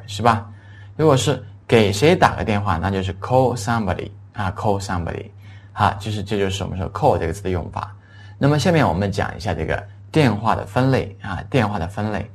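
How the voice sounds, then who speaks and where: A man giving a recorded English lesson, explaining patiently and repeating key words, with a faint hiss behind him. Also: fairly low pitch. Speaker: English teacher.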